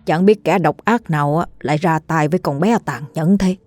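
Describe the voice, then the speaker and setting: A woman voicing a gentle old village man who earnestly explains what he has seen of the girl. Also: sits low, normal speed, dry recording, soft background music, natural voice. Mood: sorrowful.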